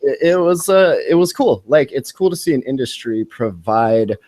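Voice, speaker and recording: A man hosting a casual podcast, talking in a loose, rambling way. His voice sits at an ordinary middle pitch. It is recorded on a close mic in a dry room with no echo. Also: expressive, moderate pace, a little mellow. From Montana. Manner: loose, rambling, laid-back delivery. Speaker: podcast host. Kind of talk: casual chat.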